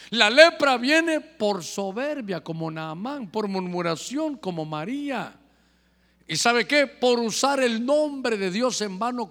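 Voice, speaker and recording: A man's voice: high voice, a bit bright, in a large hall. A man preaching a fervent sermon, often addressing his listeners as brother. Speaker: pastor.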